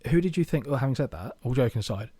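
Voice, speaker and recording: A man's voice: medium pitch, lively intonation, very fast, mellow, breathy edge. A man co-hosting a podcast, talking in a sarcastic, jokey way with plenty of swearing. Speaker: podcast co-host. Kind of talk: casual chat.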